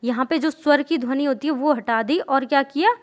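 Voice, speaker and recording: A woman's voice: high voice, fairly quick. A young woman teaching a grammar lesson, repeating examples and often asking the class questions to check they follow. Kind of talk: explaining a Hindi grammar lesson.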